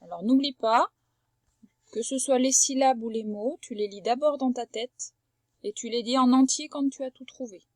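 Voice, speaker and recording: Lady teacher recorded at home, slow and patient, stretches out words for a little kid, fairly high voice, dry close sound. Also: dry recording. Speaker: primary school teacher. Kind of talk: remote reading lesson for a young child.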